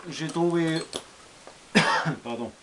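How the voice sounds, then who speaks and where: A man's voice: fairly high pitch, slow pace, slight background noise. A man from Austria with an Austrian German accent, speaking French casually and hesitantly in a survival gear vlog, with many fillers and restarts. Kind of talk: casual show-and-tell vlog.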